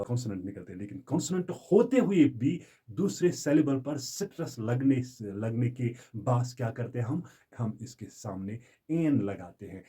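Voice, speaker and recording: A man teaching an English grammar lesson. He repeats example words slowly and adds Arabic translations. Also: medium pitch, dark tone, husky. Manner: slow, drawn-out repetition of example words.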